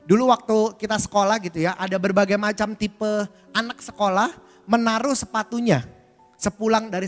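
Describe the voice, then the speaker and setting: High-voiced man preaching in a church hall. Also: fairly bright tone. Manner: conversational preaching, frequent filler tags, addresses the congregation. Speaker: pastor. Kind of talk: sermon. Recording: church hall reverb with faint music.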